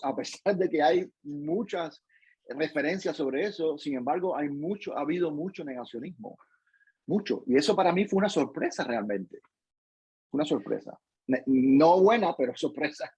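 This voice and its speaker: A man's voice: a little high, lively intonation, moderate pace, darkish tone, slightly rough, no echo, rough recording. A Cuban man answering interview questions in a thoughtful way, with frequent restarts and tag questions. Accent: Cuban Spanish. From Cuba. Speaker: interview guest, professor.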